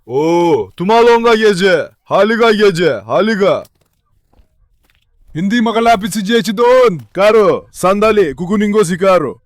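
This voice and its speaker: A man with a high, light voice vlogs outdoors from his backyard pool. He keeps calling his dogs in with coaxing, affectionate words and chats casually to his viewers. The sound is close and dry, with animal sounds now and then. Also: lively intonation, unhurried, no echo. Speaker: vlogger and dog owner. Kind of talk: casual vlog talk to pets and viewers.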